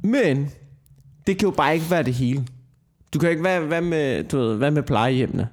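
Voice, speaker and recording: Male podcast host, slightly high voice, heated ranting, lots of swearing. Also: animated. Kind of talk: casual podcast chat.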